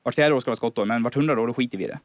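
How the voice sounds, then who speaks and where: Male guest with a mid-pitched voice; amused, explanatory chat. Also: no room sound. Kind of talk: explaining a fact in casual chat.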